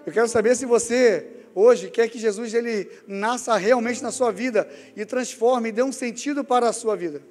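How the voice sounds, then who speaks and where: A man's voice: extremely high pitch, moderate pace, few pauses, darkish tone. A man preaching a sermon with a Brazilian Portuguese accent, telling stories and calling on the congregation. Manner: storytelling, emotional, calls to the congregation. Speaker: evangelist preacher. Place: church sanctuary. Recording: long church hall reverb.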